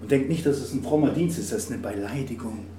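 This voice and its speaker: A man's voice: mid-range voice, fast talker. Preacher man in an echoey hall. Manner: dramatic swings from quiet to loud, acting out dialogues. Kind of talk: sermon. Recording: roomy, from a distance, faint noise.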